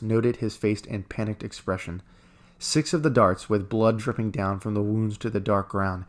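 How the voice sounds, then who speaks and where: Male narrator, lowish voice, for dramatic recitation of epic dactylic verse with a strong metrical roll. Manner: declaiming in rolling, metrical dactylic rhythm.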